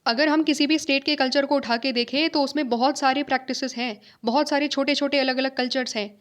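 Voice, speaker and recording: A woman with a high voice teaches a lesson. She explains by posing questions and answering them herself, repeating key ideas. She keeps checking that her listeners are following. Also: steady tone, a little fast. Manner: mixes in English phrases, checks understanding with tag questions. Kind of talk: classroom lecture.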